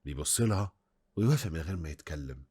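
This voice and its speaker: A man's voice: rumbling low, lively intonation, fast talker, mellow, slightly rough. A man with an Egyptian Arabic accent narrating a film review video essay, analytical and full of rhetorical questions.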